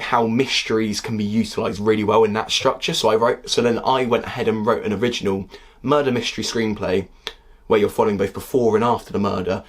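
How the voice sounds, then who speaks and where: A young man in his twenties with a husky voice, talking through a casual critique of a TV series in a heated, exasperated way. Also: on the low side. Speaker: video critic.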